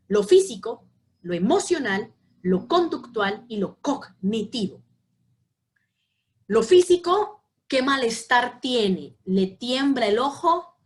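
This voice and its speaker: A woman teaching a psychology class, explaining each point with examples and often checking that her students follow. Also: a little high. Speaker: psychology lecturer. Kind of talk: online class lecture.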